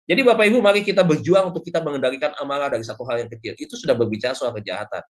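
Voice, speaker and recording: A man's voice: mid-range voice, very fast. A man, a pastor, giving a devotional sermon in a conversational preaching style with frequent asides.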